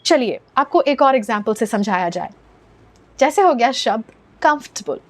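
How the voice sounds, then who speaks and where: A woman with an Indian accent, explaining English pronunciation in a scripted lesson and slowing down to model words. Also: on the high side, animated.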